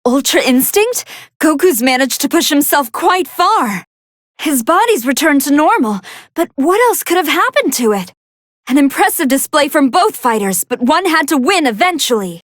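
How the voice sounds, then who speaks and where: A woman voicing a gentle, earnest young female android scientist who gives polite, precise fight commentary in a video game. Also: high-pitched, normal speed, no room sound, clean studio sound. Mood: curious, earnest. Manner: polite, precise, analytical, expressive. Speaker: match commentator.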